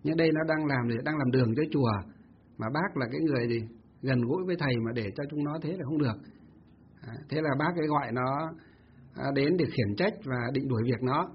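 A man's voice: medium pitch, fairly quick, muffled recording, a little hiss or hum. A Buddhist monk telling a story in a Dharma talk, asking himself rhetorical questions as he goes.

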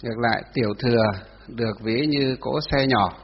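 A man teaching a class on Buddhist doctrine, dictating slowly, repeating each phrase for note-taking and asking his students questions. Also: medium pitch, breathy edge. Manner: asks students rhetorical questions. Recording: dull lo-fi sound with long hall reverb.

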